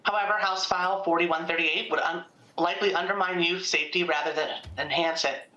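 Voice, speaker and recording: Woman, remote video call, echoey audio, crisp forceful tone, reads a prepared statement. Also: lowish voice, fairly even intonation, a little fast, muffled recording. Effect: heard over a video call. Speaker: industry policy director testifying remotely. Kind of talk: formal prepared testimony.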